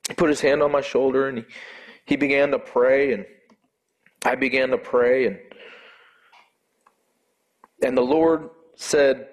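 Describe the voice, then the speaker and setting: A man giving an earnest, emotional personal faith testimony, halting at times and repeating words as he speaks. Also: mid-range voice, steady tone.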